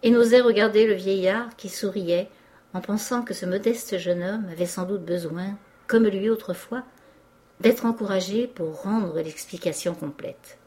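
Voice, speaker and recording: Mellow-voiced woman reading a novel. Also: medium pitch. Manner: measured, expressive storytelling. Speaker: audiobook reader. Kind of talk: literary narration.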